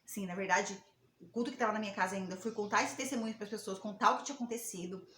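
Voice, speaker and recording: A woman's voice: mid-range voice, rapid-fire, slight background noise. Brazilian woman telling a testimony in a roomy space. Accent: Brazilian Portuguese. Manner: lively storytelling with many fillers and reenacted dialogue. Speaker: missionary. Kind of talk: religious testimony addressed to believers.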